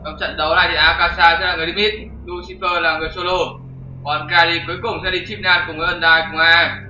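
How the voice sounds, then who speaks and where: A man's voice: fairly high pitch, flat delivery, quick pace, pushed and bright. A man hosting his channel and commentating a game replay in a chatty, jokey way with crude slang. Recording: roomy, dull lo-fi with faint music.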